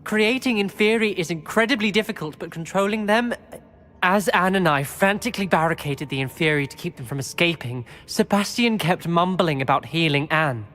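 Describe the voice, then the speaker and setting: A woman's voice: fairly low pitch, moderate pace, fairly bright tone, natural voice. A woman playing an earnest, worried young witch in a dramatic video game scene. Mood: worried, urgent. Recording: long hall reverb, music behind. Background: game music.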